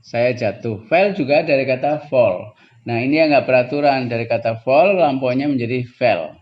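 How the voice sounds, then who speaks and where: A man with a mid-range voice teaches English pronunciation in a classroom lesson, and the recording's highs are cut off. He explains slowly and patiently, switches between two languages, and often trails off into chuckles.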